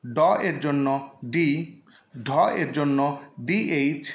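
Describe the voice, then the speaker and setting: A man's voice: on the high side, takes it slowly, reverberant. A man teaching English letter sounds in a scripted lesson, saying each example word twice. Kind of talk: slow scripted phonics lesson.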